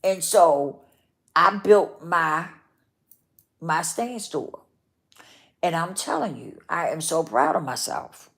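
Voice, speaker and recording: A woman with a lowish voice and talks straight to her listeners in an earnest motivational heart-to-heart. She repeats herself for emphasis and keeps checking in with "okay?" and "right?". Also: expressive, takes it slowly, creaky, long pauses, fairly bright tone. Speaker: vlogger.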